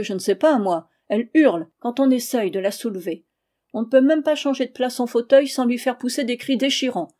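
A helpless male doctor explains himself in a defensive, matter-of-fact way, as a woman reads him aloud. The voice is mellow and a little raised in pitch. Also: natural voice.

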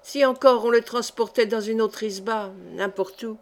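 Woman doing grumbling peasant cook, cross, fairly high voice. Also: steady tone, normal speed, close to an everyday voice. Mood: scolding. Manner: angry, grumbling.

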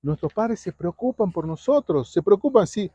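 A youth retreat speaker delivers a Bible talk to preteens, asking questions throughout and closing lines with "¿sí?". His high-pitched voice is animated, warm, and slightly rough, moving at a moderate pace. The lo-fi recording sounds dull but has no echo.

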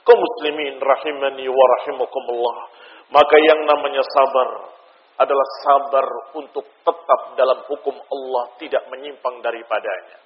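A man giving a Friday sermon, impassioned, moving between loud emphasis and quiet low passages. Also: steady tone, normal speed. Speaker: preacher. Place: mosque. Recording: dull, muffled sound with long hall reverb.

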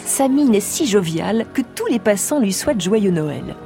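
Female radio narrator, clear music under her voice. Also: mid-range voice, sing-song, moderate pace, mellow. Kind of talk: scripted narration.

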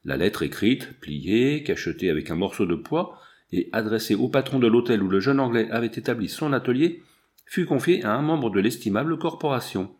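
A man narrating an adventure novel in a steady, measured reading. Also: medium pitch. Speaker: audiobook narrator. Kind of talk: audiobook reading.

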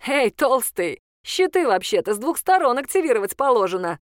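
A woman reader puts on a brash young female hacker whose voice arrives through a sci-fi communicator. She jeers loudly and exults, stretching her words out slowly. The storybook delivery is dry and close. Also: a little high, sing-song, no echo, voice pushed up. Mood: gleeful. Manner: jeering, loud and exultant. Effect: voice over a sci-fi communicator. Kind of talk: audiobook character reading.

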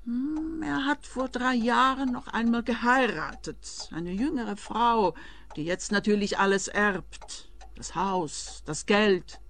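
An actress playing a grieving, insistent mother of nearly eighty in a radio play, speaking with halting emphasis. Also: fairly high pitch, fairly bright tone. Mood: bitter, suspicious. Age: 70s. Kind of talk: scripted radio play acting.

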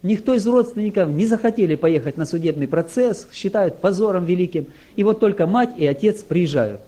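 A male preacher telling a story in a sermon, his fairly high voice swooping widely as he animates every turn. The tone stays dark and mellow despite the lift. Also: brisk. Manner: animated storyteller, acts out quoted speech.

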